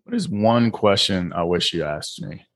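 A man's voice: low voice, sing-song, moderate pace, fairly bright tone. A middle-aged man with a Southern US accent, a guest author speaking earnestly and motivationally in a podcast interview. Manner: earnest, motivational, repeats phrases.

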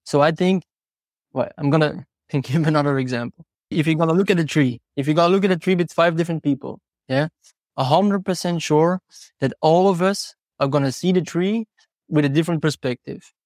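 In a somewhat high voice with a darkish tone and a slightly quick pace, a non-native English-speaking man reflects earnestly as a podcast interviewee. He's a horse trainer who explains his thinking through rhetorical questions and stories from his own life. The studio-quality recording has no echo.

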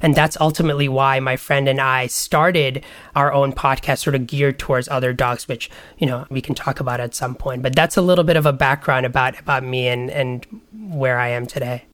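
A young man from Bangladesh, a podcast guest telling his story in an earnest, measured way with frequent fillers. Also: medium pitch, steady tone, a bit bright, no room sound. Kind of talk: podcast interview.

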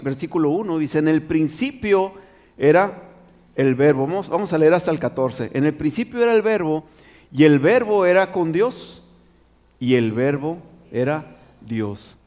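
Conversational preacher in a reverberant hall. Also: male voice, mid-range voice, dark tone. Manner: conversational, repeats and restarts, asks the listeners questions. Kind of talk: Bible study sermon.

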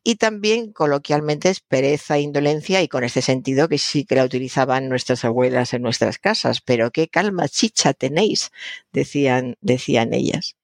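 A woman's voice: extremely low pitch, normal speed, hardly any pauses, no echo, studio quality. A woman gives a radio talk on correct usage, patiently spelling words out and repeating her examples. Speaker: language commentator on a radio show.

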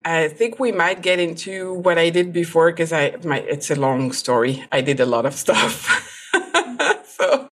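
A woman's voice: sits low, measured pace. A woman from France, a photographer and podcast guest, who talks in a chatty way and laughs often. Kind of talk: podcast interview.

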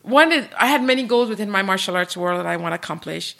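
A woman's voice: medium pitch, expressive, fast, creaky, fairly bright tone. A woman in her sixties with a Canadian accent, telling her story as a guest on an interview podcast with eager, repetitive enthusiasm. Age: 60s. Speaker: guest, martial arts coach.

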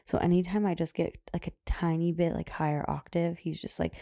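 A woman in her thirties hosts her own podcast, rambling through loose, casual chat with fillers and frequent laughter. Her voice is loud, low and mellow with gravelly fry, delivered flatly and briskly. The sound is dry and close, with no room sound.

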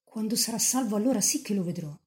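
A woman's voice: sits low, measured pace, mellow. A woman reading aloud the words of a young woman mystic in rapture, pleading tenderly and fervently with Mary.

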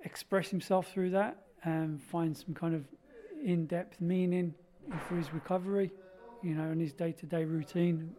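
A man with a fairly high voice explains his work as a music therapist step by step, calm and methodical. He lays his points out in order without hurrying. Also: moderate pace, few pauses.

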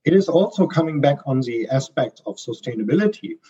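This German supply chain consultant, strongly accented, answers interview questions with frequent ums and restarts. His voice is on the high side, sing-song and fairly quick, with a dark, husky tone, and the sound is lo-fi.

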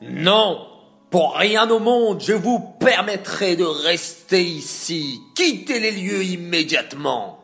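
A man's voice: high-pitched, animated, takes it slowly, creaky, faint music behind, voice pushed up, full character voice. A man doing a furious rich host. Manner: shouting angrily. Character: wealthy furious male host, proud and harsh.

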